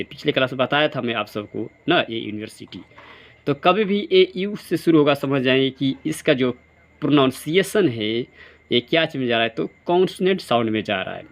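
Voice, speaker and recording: A male teacher explaining grammar quiz answers. He keeps asking questions and answering them himself, and he reads the example sentences slowly, word by word. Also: medium pitch. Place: classroom or study centre. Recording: dull lo-fi sound.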